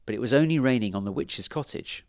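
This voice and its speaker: A man reading a children's story aloud in an expressive, lively way. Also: mid-range voice, quick pace, no room sound, studio quality.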